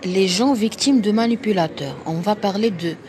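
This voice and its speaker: A Moroccan woman with a Moroccan accent, a doctor hosting a live stream, speaking emphatically and forcefully in a slightly tired voice. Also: medium pitch, moderate pace. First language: Arabic. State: a bit tired. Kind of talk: live-stream talk to viewers.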